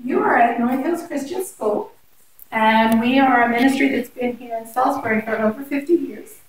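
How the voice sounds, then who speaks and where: In a casual interview, a Pennsylvania woman in her sixties, who directs a school program and plays organ at church, tells her story earnestly and devoutly. Her slightly high voice moves at a normal speed, sounding distant and echoey with faint noise and a crowd behind her.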